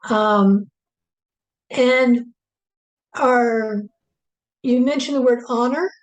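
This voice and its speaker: Earnest, slightly high-voiced woman. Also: low-quality recording. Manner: earnest, halting. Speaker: participant. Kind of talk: casual group chat. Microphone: video call.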